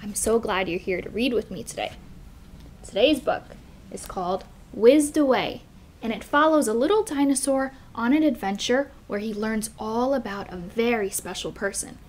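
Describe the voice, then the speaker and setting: A woman reading a children's picture book aloud as a storyteller, in a gentle, expressive, sing-song manner. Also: on the high side, moderate pace, a little hiss or hum.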